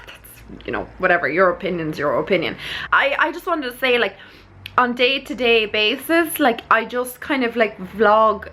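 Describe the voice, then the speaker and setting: A woman's voice: medium pitch, sharp tone. Earnest, rambling Irish woman vlogger. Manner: rambling, earnest, repeatedly checks she makes sense. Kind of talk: casual chat to camera.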